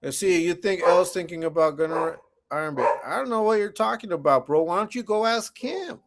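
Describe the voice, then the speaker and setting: A man's voice: high-pitched, a little fast, very noisy. A man hosting a livestream, ranting bluntly and profanely while answering chat comments in a confrontational, mocking way. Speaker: livestream host.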